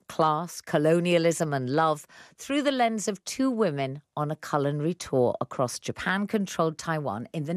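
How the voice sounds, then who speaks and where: A woman radio presenter with a low voice reads the programme links in a polished, measured way. The sound is close and dry, with no room around it. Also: no room sound. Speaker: radio arts show presenter. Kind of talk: broadcast presenting and interviewing.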